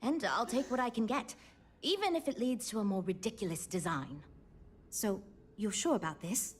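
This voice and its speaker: An actress voicing a weary but earnest starship designer in a video game, speaking in a dry, wry, patient way. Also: female voice, fairly high pitch, animated, moderate pace, slight background noise, lightly acted. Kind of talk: video game character dialogue.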